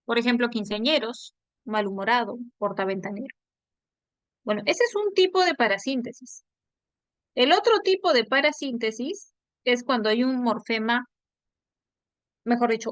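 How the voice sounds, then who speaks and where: A woman's voice: on the high side, a bit bright, dry recording. Woman teaching grammar. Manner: explanatory, checks understanding with tag questions. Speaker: language teacher. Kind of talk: online class lecture.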